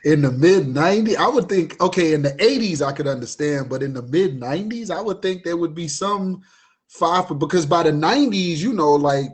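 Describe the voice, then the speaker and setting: A man's voice: on the high side, expressive, moderate pace, husky. A man hosting a casual conversation, affirming his guest and often adding "you know what I mean.". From Richmond, Virginia. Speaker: host.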